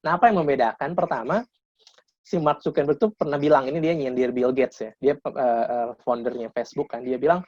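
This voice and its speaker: Man, 30s, guest speaker on a webinar; quick, informal lecturing full of restarts; dry, lo-fi call audio. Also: medium pitch, darkish tone, no room sound. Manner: casual lecturing, frequent restarts. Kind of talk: webinar talk. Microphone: video call. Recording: dull lo-fi video call audio.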